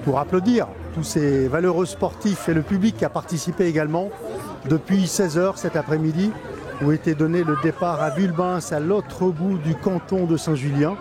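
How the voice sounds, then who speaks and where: A Frenchman with a higher voice commentates live at a moderate pace from a crowded town street, working as an event reporter and club president covering the event. The outdoor recording is full of crowd and street noise.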